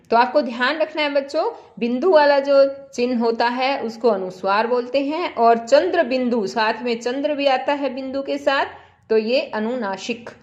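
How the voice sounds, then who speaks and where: A woman teacher walks children through a primary-school lesson at an unhurried pace. Her voice sits a little high. She repeats each example and keeps putting simple questions to her pupils.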